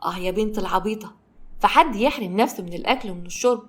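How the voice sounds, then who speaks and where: A woman's voice: medium pitch, quick pace, close to an everyday voice. A woman with an Egyptian accent voicing a bossy older aunt who scolds and mocks. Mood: scolding. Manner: scolding and sarcastic.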